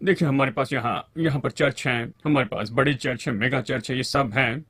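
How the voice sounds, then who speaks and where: A man's voice: medium pitch, a little fast, a bit bright, breathy edge, dry recording. A man preaching a sermon to a congregation and calling for amens along the way.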